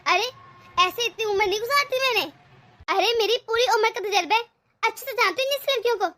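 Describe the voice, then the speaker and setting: A woman's voice: extremely high pitch, fairly quick, pushed and bright. A woman voicing a domineering, scheming middle-aged mother-in-law in a cartoon, scolding and sarcastic. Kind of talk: animated cartoon voice acting.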